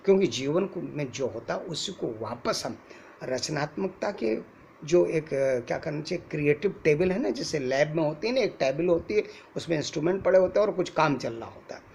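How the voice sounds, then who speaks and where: A man's voice: on the high side, creaky, slight background noise. A man teaching an acting lecture, explaining with spoken examples and rhetorical questions.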